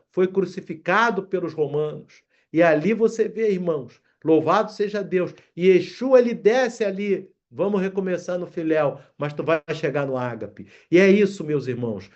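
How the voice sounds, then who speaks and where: High-voiced preacher. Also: male voice, darkish tone, muffled recording. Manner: addresses congregation as brothers, reads scripture aloud. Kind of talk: sermon.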